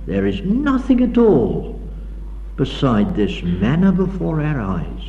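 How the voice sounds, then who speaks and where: A man's voice: on the high side, wildly swooping pitch, slow pace, dark tone, dull audio. Man preaching scripture on an old hall tape. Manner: dramatic, declaiming reading of scripture. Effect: old 1960s tape recording. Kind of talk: sermon with scripture reading. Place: lecture hall.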